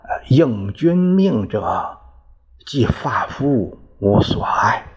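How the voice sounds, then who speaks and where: A man voicing a reluctant noble guest who speaks in a hushed, grudging, sighing way in a told story. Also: medium pitch, big pitch swings, very slow, exaggerated voice. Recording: dull lo-fi recording.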